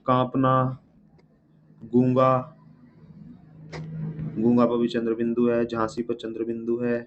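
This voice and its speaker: Man, unhurried spelling lesson, repeats each word, dull lo-fi sound with faint background noise. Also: mid-range voice, completely flat delivery. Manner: explains step by step, asks and answers his own questions. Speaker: Hindi exam teacher. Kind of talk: spelling lesson walking through words.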